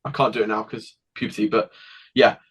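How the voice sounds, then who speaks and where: Halting teenage lad. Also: male voice, on the low side, little pitch movement, fairly bright tone, husky, low-quality recording. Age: teens. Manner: rambling, halting, with many restarts and acted quotes. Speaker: guest. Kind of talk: casual interview storytelling.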